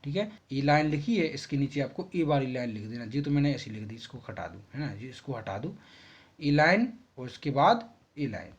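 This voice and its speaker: A man teaches schoolchildren in a medium-pitched, sing-song voice at normal speed, patiently going through textbook answers and checking in often. He repeats phrases and asks "ठीक है" to make sure they follow. The recording is muffled, slightly husky and lo-fi.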